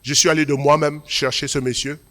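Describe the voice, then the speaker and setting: Male pastor, raised voice, preaching in a big echoing church hall, emphatic then quietly confiding. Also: fairly high pitch, little pitch movement, fairly quick. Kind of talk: sermon. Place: large church hall at a Sunday service. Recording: long hall reverb.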